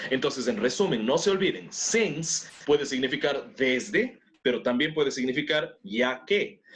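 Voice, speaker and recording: A man teaching an online English class, his voice rising and falling in a lively way. He explains words in with English examples and keeps asking whether the students follow. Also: a little high. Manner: explains in Spanish and English, checks in with "¿no es cierto?".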